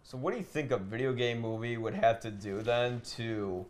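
A podcast host chats casually while playing a video game, talking discursively, sharing opinions and asking questions. His voice is mid-range at normal speed, and the room recording is clearly noisy.

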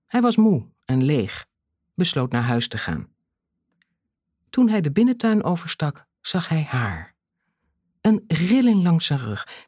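An audiobook narrator reading a thriller in a measured way, with dramatic pauses. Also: mid-range voice, darkish tone, no echo, studio quality.

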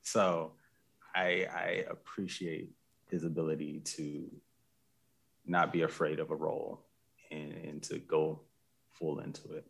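A man's voice: very deep voice, flat delivery, a little slow, gravelly, long pauses, fairly bright tone, husky. A man co-hosting a casual podcast conversation, talking reflectively and earnestly with many restarts. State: choked up with emotion. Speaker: podcast co-host.

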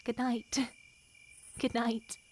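A woman performing a lovestruck, wary young noblewoman in a Shakespearean scene, her delivery moving between hushed and impassioned. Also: on the high side, level tone, very slow, slight background noise. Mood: longing. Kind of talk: Shakespearean stage acting.

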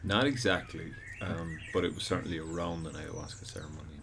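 A man's voice: very deep voice, steady tone, brisk, vocal fry. An Irish man in his thirties, a podcast guest chatting casually on an outdoor deck, rambling with restarts. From Ireland. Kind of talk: casual chat. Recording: noisy outdoor background.

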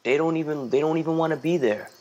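A man's voice: a little high, fast, warm tone, muffled recording. A man chatting casually as a guest artist, rambling, filling his talk with "like" and restarts and swearing freely. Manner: rambling, heavy use of "like" and restarts. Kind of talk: casual podcast chat.

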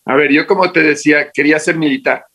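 A man's voice: on the high side, fast talker, husky, rough recording. A man from Ecuador with an Ecuadorian Spanish accent, telling his life story as an interview guest and acting out what people said to him. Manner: animated, acts out quoted dialogue.

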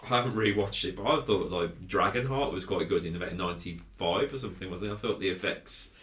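A man co-hosting a film podcast, talking in a rambling, animated way and laughing often. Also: deep voice, quick pace. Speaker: podcast co-host. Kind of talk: casual film review chat. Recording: roomy echo.

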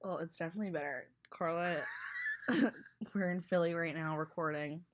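A woman's voice: lowish voice, normal speed, a little hiss or hum. A woman co-hosting a casual podcast and reading listener emails aloud, her voice stuffed up from allergies. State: congested from allergies. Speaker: podcast co-host.

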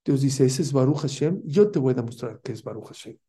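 A man's voice: medium pitch, lively intonation, fairly quick, mellow. A man giving a fervent religious lesson, asking his listeners rhetorical questions and mixing Hebrew terms into his talk. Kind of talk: Torah lesson.

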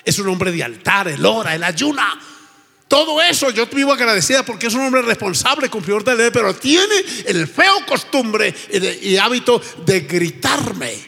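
A man's voice: high voice, big pitch swings, moderate pace, vocal fry, bright, forceful tone. A male pastor preaching an emphatic sermon in a church, with frequent praise exclamations. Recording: reverberant church hall.

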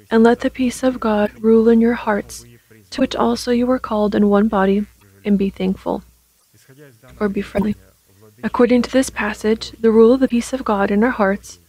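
A woman delivering formal prayer and sermon in a solemn, measured, reverent manner. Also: fairly high pitch, gravelly, darkish tone, husky, rough recording.

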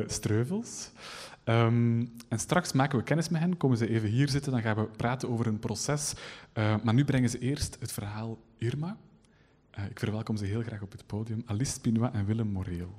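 A man hosts a live event from the stage and introduces his guests in a halting way, with many fillers. His voice is mid-pitched. A long hall reverb trails after each phrase. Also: a little mellow. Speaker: event host.

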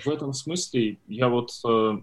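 A man's voice: mid-range voice, unhurried. A man in his thirties hosting an interview, talking in a rambling, self-deprecating way with many fillers and restarts. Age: 30s. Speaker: podcast host. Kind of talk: casual interview chat.

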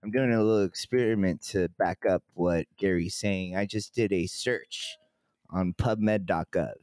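A man's voice: low voice, a little slow, a little mellow, dry recording. A man hosting a podcast over a video call, rambling casually and laughing easily. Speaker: podcast host. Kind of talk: casual chat.

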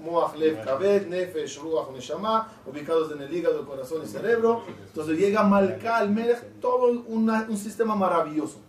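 Middle-aged rabbi quizzing a class, echoey room. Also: male voice, sits high, moderate pace, hardly any pauses. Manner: quizzes the class with questions and waits for answers. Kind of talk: Torah class lecture. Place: classroom with students. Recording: echoey room, mic at a distance, faint hiss.

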